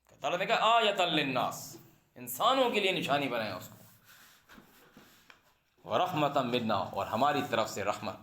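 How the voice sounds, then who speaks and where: A man's voice: medium pitch, animated, pauses often, bright, forceful tone. A man teaching a word-by-word Quran translation lesson, reciting each Arabic phrase and then explaining it in Urdu. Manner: questions and comments on printed translations.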